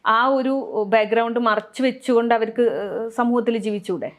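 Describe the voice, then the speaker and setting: A woman's voice: on the high side, moderate pace. A woman with a Kerala Malayalam accent interviewing a guest, asking brief probing questions.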